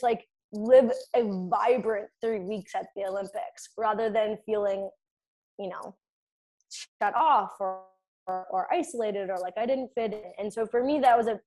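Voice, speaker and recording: A woman's voice: fairly high pitch, a little mellow, rough recording. Reflective, candid woman interview guest. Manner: reflective, candid storyteller who laughs easily. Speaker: guest, retired Olympic athlete. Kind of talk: casual interview chat.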